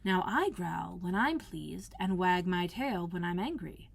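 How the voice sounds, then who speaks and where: A woman voicing a calm, grinning, slyly mad cat in a storybook read-aloud, with a slow, teasing, drawn-out delivery. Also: fairly low pitch, gravelly, heavily acted. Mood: measured, reasoning.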